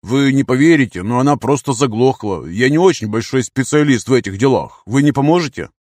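A man's voice: medium pitch, lively intonation, fairly quick, a little mellow, no room sound, pitched above the performer's own voice, lightly acted. A man voicing a shifty man posing as a polite farmer, fawning and then begging, in an audiobook reading. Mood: ingratiating. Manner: overly polite, ingratiating, pleading.

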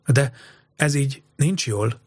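A man's voice: mid-range voice, expressive, slightly rough, no room sound, clean studio sound. A man voicing the youngest boy of a group, earnest and anxious.

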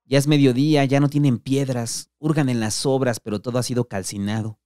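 A man's voice: mid-range voice, steady tone, a little fast, dark tone, dry recording, clean studio sound. A man with a Mexican accent reading a gritty, slang-heavy story aloud. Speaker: narrator.

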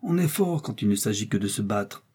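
A man reading the lines of a reckless, hot-tempered hunter, loud and exasperated, in an audiobook. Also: on the low side, animated, fairly quick, breathy edge.

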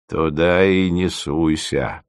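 A man voicing a crafty, boastful old village fisherman who drawls in a slow, folksy way. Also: rumbling low, fairly even intonation, clear, resonant tone, no echo, clean studio sound, full character voice. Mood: drawling, folksy.

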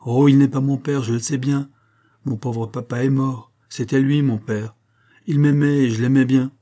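A young boy, earnest and lonely, speaks with eager childish pleading, voiced by a man. The voice sits high and bright for him, lifted well above a grown man's register. It is a storybook read aloud, the child's lines set off from the narration. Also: moderate pace, lightly acted. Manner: raised childlike pitch, pleading and lively.

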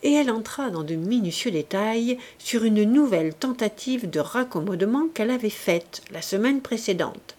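A woman reading a classic novel aloud as an audiobook narrator, in a measured, even way. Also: on the high side. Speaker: audiobook reader.

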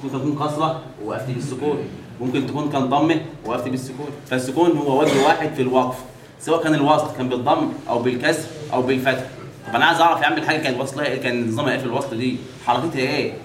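A man's voice: medium pitch, steady tone. Egyptian man teaching recitation in an echoey room. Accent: Egyptian Arabic. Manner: quizzes the class with repeated questions and drawn-out recited examples. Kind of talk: classroom tajweed lesson. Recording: echoey room, mic at a distance, faint background hiss.

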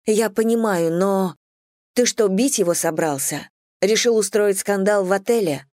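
A woman voicing an impatient, stubborn young woman, lifting her voice higher and sounding agitated. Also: a little slow, darkish tone, dry recording, studio quality, lightly acted. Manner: higher, agitated, insistent delivery.

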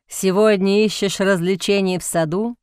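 A woman voicing a cold, cynical male aristocrat who speaks in a hoarse, mocking drawl in an audiobook. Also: mid-range voice, fairly even intonation, moderate pace, a little mellow, no echo, studio quality, natural voice.

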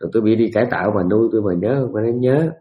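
A man's voice: fairly low pitch, rapid-fire, phone-quality sound, close to an everyday voice. A man playing a dying elderly husband who insistently retells his hardships to his wife. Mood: pleading.

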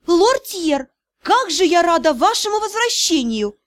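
Female reader playing a shrill, tearful young noblewoman, high and loud, storybook. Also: animated, unhurried, dry recording, studio quality. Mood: gushing. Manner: shrill, pleading, near tears. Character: jealous, hysterical young noblewoman. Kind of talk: audiobook character voice.

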